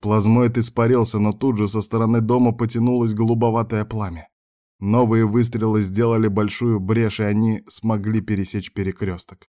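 A man narrating an audiobook in a steady, vivid storytelling manner. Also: on the low side, moderate pace. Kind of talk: scripted narration.

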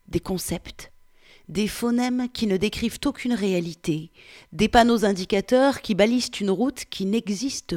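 A woman reading the part of a 47-year-old Frenchman, reciting in a slow, hushed, meditative way. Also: mid-range voice. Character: 47-year-old French man, pondering who he is. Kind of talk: reading a novel aloud.

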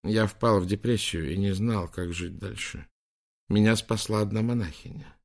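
A man voicing a gentle, sorrowful elderly bishop in an audiobook, speaking softly and confidingly. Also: fairly low pitch, normal speed, gravelly, voice pushed up. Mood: confessing.

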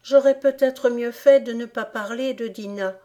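A woman's voice: moderate pace, mellow, natural voice. A woman voicing a polite, dreamy young girl in a storybook, eager and pleading. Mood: wistful. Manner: eager, pleading, higher than her narration.

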